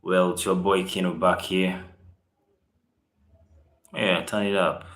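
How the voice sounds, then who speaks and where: Ugandan guy on a live stream, lowish voice, chatting with viewers and reading out their comments, echoey room. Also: flat delivery, slow, fairly bright tone. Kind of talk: casual live-stream chat. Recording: roomy echo.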